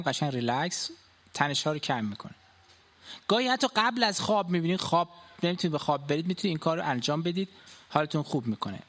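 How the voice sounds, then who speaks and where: A man giving a public talk of practical advice, talking in an animated way, asking rhetorical questions and jumping from emphatic high bursts to soft low endings. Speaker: speaker giving life advice.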